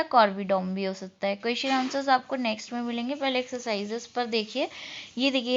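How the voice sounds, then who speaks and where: A woman teaching a class, explaining each point in Hindi and reading the English lines slowly. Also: on the high side, a bit bright, dull audio. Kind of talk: class lesson explaining a textbook unit.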